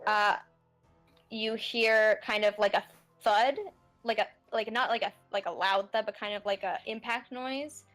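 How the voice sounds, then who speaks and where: A woman's voice: mid-range voice, steady tone, fairly bright tone, faint music behind, low-quality recording. A woman narrating a tabletop game as game master, describing scenes with frequent fillers. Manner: unhurried, descriptive, many fillers.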